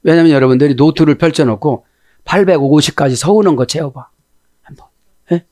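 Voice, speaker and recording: A man preaching a sermon in a lively style, often turning to ask the congregation for agreement and acting out prayers in a pleading voice. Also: a little high, brisk. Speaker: pastor.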